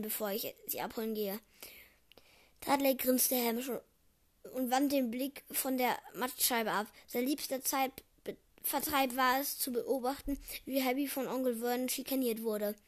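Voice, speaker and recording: A woman's voice: high voice, steady tone, unhurried. A young girl reading a novel aloud, often stumbling over words and correcting herself. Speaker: reader.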